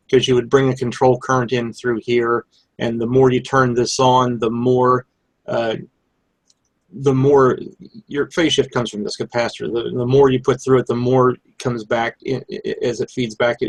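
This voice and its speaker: A man explains electronics in an informal show-and-tell style. His voice is gravelly and rough-edged, with a husky tone. The sound is dry, with little room around it. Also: medium pitch, no room sound, poor audio. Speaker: electronics hobbyist presenter. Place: live online hangout with screen share.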